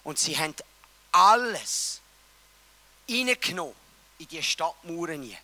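A male preacher, retelling a story dramatically, swinging between loud and hushed. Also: fairly high pitch, sing-song, measured pace. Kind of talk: sermon storytelling.

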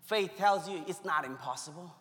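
A man preaching a sermon in English, pausing for an interpreter, swinging from hushed to shouted delivery. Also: high voice. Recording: live sermon in a reverberant hall.

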